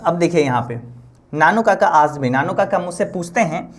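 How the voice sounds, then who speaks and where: A man's voice: a little high, lively intonation, normal speed. A male English teacher walking students through a story line by line. He restates each point several times and keeps checking in with the listener as he goes. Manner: repetitive, checks in often with the listener. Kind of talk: line-by-line lesson explanation.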